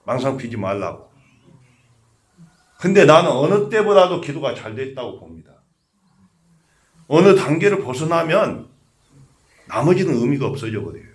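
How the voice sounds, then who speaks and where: A man's voice: mid-range voice, big pitch swings, moderate pace, pauses often. An older man, a Buddhist monk, giving a conversational sermon that asks the audience questions and tells humorous stories. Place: temple memorial service.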